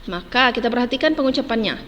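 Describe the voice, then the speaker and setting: A woman's voice: fairly high pitch, animated, fast, in a large hall, lo-fi sound. A woman teaching a children's lesson, patiently spelling words out syllable by syllable and tagging "ya, Nak" onto every phrase. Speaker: primary school teacher.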